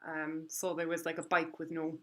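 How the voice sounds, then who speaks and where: A woman's voice: low voice, completely flat delivery, moderate pace. A Welsh woman chatting casually over a video call, telling stories and laughing often. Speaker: guest. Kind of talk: casual chat.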